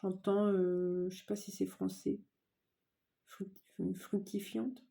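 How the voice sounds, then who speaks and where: A woman's voice: mid-range voice, level tone, takes it slowly, gravelly, mellow. Chatty hesitant woman reading tarot. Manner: hesitant, many fillers, chatty and informal. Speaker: tarot card reader. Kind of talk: casual tarot reading to viewers.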